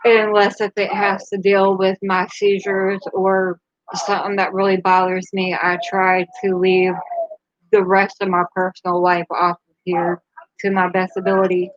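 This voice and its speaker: A woman's voice: mid-range voice, completely flat delivery, normal speed, dry recording, highs cut off. A woman hosting a casual live stream, speaking candidly and rambling a little, with a laugh between her thoughts. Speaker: livestream host.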